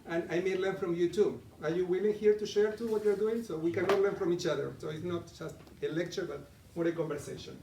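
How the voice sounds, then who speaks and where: A middle-aged coaching presenter with an Argentinian accent runs a live, interactive talk, conversing with the room and asking his audience questions. His slightly high, warm voice is steady and fast with few pauses, captured from a distance in an echoey meeting room with faint ambience and a little hiss or hum.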